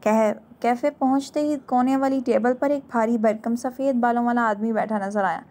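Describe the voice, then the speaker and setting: Woman reading a novel with a raised pitch. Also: steady tone, darkish tone. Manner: emotive, storytelling. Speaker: novel reader. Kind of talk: dramatic novel narration.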